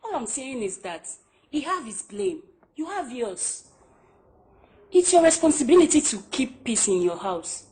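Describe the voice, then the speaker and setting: A woman's voice: sits high, sing-song, unhurried, mellow. A woman with a Nigerian accent playing an unmarried friend in a film drama. She speaks earnestly and gives advice. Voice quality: earnest, advising. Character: unmarried female friend, calm and preachy. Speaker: film actor.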